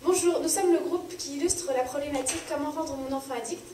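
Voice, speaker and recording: A woman's voice: sits high, fairly quick, warm tone. A young woman student introducing her group's sketch, hesitating with fillers. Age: young adult. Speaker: student presenter. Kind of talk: project introduction. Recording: echoey room, distant mic, some noise.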